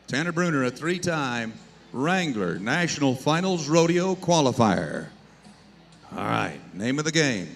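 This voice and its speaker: A man's voice: medium pitch, big pitch swings, unhurried, gravelly. A man announcing a rodeo, giving live commentary to the arena over a PA. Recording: arena PA with faint background noise.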